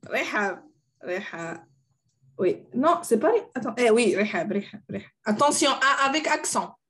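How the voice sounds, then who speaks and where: A woman's voice: fairly high pitch, animated, moderate pace, a bit bright. A woman teaching French in an online class over a video call, playful and encouraging, laughing often.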